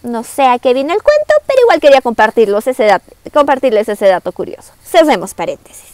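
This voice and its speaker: A young woman from Cusco with a Peruvian Spanish accent, casually retelling a classic play in a chatty, animated way and speaking straight to her viewers. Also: fairly high pitch, a little fast, no echo. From Cusco, Peru. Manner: chatty, animated, direct address. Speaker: book summary vlogger.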